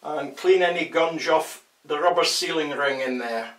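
Speaking at normal speed in a voice that's a little high and a bit bright, an older DIY tutorial presenter gives a hands-on how-to in a casual, chatty, wry way, often laughing at himself. Tiles in the small indoor bathroom shower create a roomy echo for the distant microphone.

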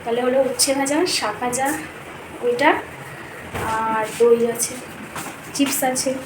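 Chatty high-voiced young woman. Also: fairly even intonation, measured pace. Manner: chatty, rambling commentary on chores. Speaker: vlogger. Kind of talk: casual daily vlog narration. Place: home in a village. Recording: noisy background.

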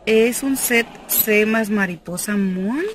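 A young woman from Mexico, a cosmetics seller and vlogger, unboxes makeup in a parked car while filming on a phone held at arm's length. She chats enthusiastically and laughs often, speaking at a medium pitch and slow pace with background noise audible.

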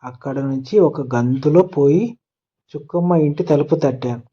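A man narrating a children's moral story in a gentle storybook manner. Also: on the high side, moderate pace, husky, highs cut off. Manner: gentle storybook telling, voicing characters' lines in turn.

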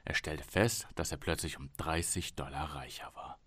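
A man narrating an audiobook in a measured, expressive way, recorded at a studio microphone in a small home studio. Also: a bass voice, husky, no room sound. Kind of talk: scripted narration.

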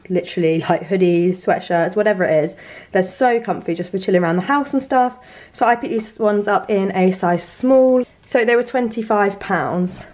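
A chatty young vlogger, slightly hoarse from a cold's sore throat, talks casually to a handheld camera held at arm's length or in a mirror, in her bedroom at home. Her medium-pitched voice is a little mellow, and she says "um" and "like" a lot.

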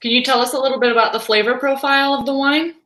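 A woman in her thirties hosting a live wine tasting on a video call, moderating in an upbeat, brisk way. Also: high voice, fairly even intonation, fairly bright tone, reverberant, low-quality recording. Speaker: host sommelier.

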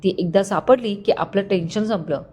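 A woman voicing a scheming middle-aged uncle who stays calm and calculating in a spoken story. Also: mid-range voice, normal speed, a little hiss or hum, natural voice. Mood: coolly scheming. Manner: calm, controlling.

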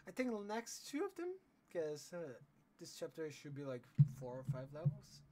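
A young man giving casual, rambling commentary while playing a game, trailing off quietly. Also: fairly high pitch, wildly swooping pitch, moderate pace. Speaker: gaming channel host.

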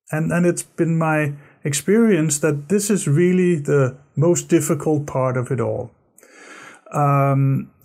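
A man's voice: on the high side, darkish tone. A middle-aged man from Denmark, an instructor giving a recorded course lecture to camera in a studio, gesturing and often repeating words as he explains.

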